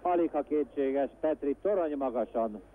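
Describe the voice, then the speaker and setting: A man giving excitable, exclamatory live football commentary, openly rooting for his side. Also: mid-range voice. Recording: tinny phone-like archive broadcast, noisy.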